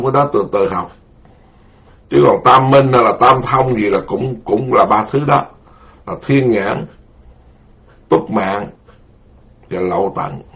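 Monk, slow and deliberate. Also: male voice, medium pitch, a bit bright. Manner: slow, deliberate, repeats key terms for listeners. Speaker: Buddhist monk teacher. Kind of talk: Buddhist dharma lecture. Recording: dull lo-fi recording.

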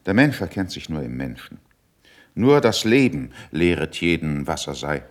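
In a classical German verse radio play, a low-voiced middle-aged statesman speaks with a lively melody that swings widely. Shrewd, cool and condescending, he delivers his lines in a measured, dryly ironic, superior and didactic tone.

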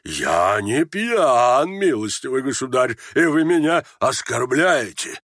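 A man reading aloud, voicing an old retired general who shouts, blusters and stammers. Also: medium pitch, big pitch swings, slow, no room sound, studio quality. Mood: raging. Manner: shouting, bellowing, stammering in confusion.

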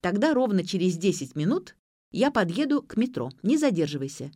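A confident young man on the phone who talks calmly and smoothly, as a woman reading a story voices him. The sound is dry and close. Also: mid-range voice, a little fast, no echo. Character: smooth-talking young male student.

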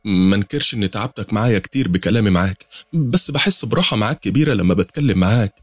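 A man voicing a frightened young female university student in a horror story, pushing his voice high and strained, with an Egyptian accent. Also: expressive, very fast, no room sound. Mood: anxious. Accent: Egyptian Arabic.

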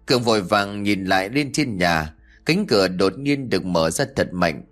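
A man narrating a horror audiobook in a steady, measured reading voice. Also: lowish voice, soft background music. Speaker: storyteller.

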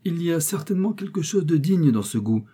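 A man voicing a suave, amiable young gentleman making polite dinner talk. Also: on the high side, expressive, a little fast, voice pushed up. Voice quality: smooth, polite.

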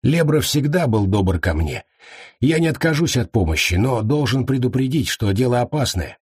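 A timid wild man who sounds hesitant and earnest, voiced by a man in an audiobook. The voice is husky with a lively pitch, close and dry. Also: moderate pace, no echo. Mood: worried. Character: timid young wild man, clumsy and worried.

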